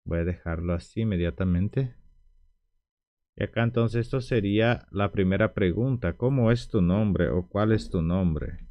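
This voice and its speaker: A man's voice: fairly low pitch, moderate pace, dry recording, muffled recording. A man teaching a language lesson at a whiteboard, speaking patiently and repeating words for practice.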